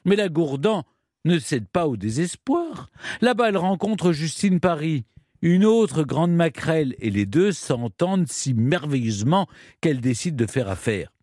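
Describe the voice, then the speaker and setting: A man telling a history story in measured, scripted narration with dramatic pauses. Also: a little high, sing-song, darkish tone, dry recording, studio quality.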